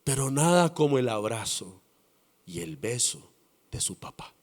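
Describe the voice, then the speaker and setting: A man with a Colombian accent preaching a sermon as pastor, dramatic and swinging between loud passages and hushed ones. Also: medium pitch, sing-song, a little slow.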